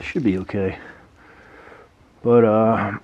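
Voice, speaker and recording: With a fairly low, steady voice and a slow pace, a DIY car builder talks casually through his project while working in a workshop at a workbench and by a truck. He thinks aloud informally, captured on dull lo-fi audio with clear noise.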